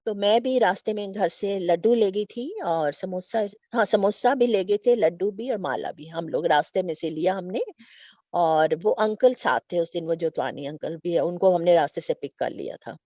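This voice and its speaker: Middle-aged auntie telling a devotional story, mellow voice, dry close sound. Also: female voice, lowish voice, moderate pace, no echo. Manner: lively storytelling with quoted dialogue and soft chuckles. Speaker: devotee sharing a testimony.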